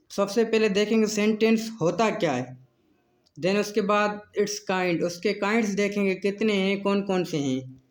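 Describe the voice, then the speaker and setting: A man teaching English grammar in a self-made video lesson, mixing Hindi-Urdu talk with English terms and asking and answering his own questions. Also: high voice.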